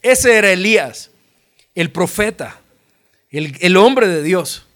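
A male pastor with a Salvadoran accent preaching a sermon, telling Bible stories in an animated, humorous way. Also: high-pitched, slow pace. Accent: Salvadoran Spanish.

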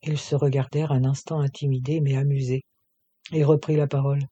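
A man narrating a romantic short story in a steady storytelling manner. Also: mid-range voice, a little fast, slightly rough, lo-fi sound.

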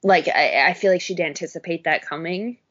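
An excitable woman in a casual podcast chat, peppering her talk with fillers. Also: lowish voice, a little fast, husky. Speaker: podcast co-host. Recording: dull lo-fi podcast audio.

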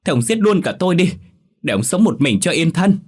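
A man voicing a furious middle-aged village mother who scolds in a shrill, sharp-tongued way, in a read-aloud ghost story. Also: animated, fairly quick, slightly rough.

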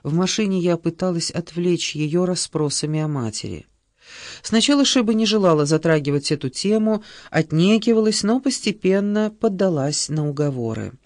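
A woman's voice: fairly low pitch, animated, moderate pace, a little mellow, dry recording. Woman narrating an audiobook, dry sound. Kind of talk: scripted narration.

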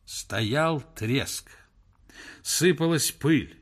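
A man's voice: mid-range voice, animated, extremely slow. A man narrating a story in a scripted audiobook style.

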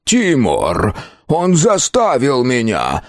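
Male reader doing a nervous, slow-spoken shopkeeper NPC, stammers under pressure, dry sound. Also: medium pitch, wildly swooping pitch, dry recording, voice pushed up, full character voice. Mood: panicked. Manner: slow, polite, stammering when scared. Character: timid frightened male alchemist shopkeeper.

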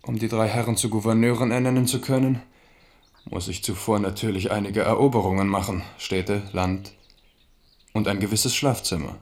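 A man's voice: fairly low pitch, fairly even intonation, moderate pace, darkish tone, close to an everyday voice. King, male actor, radio drama. Amorous and worldly, with natural command and passion. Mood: wry, confident. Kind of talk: 1970s German radio drama acting.

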